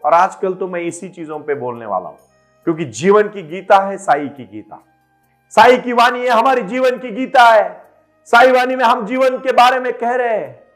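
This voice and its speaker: A man giving a devotional sermon, telling stories and urging listeners on, moving between loud calls and hushed lines. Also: high-pitched. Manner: storytelling, exhorting, swings between loud and hushed. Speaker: spiritual speaker.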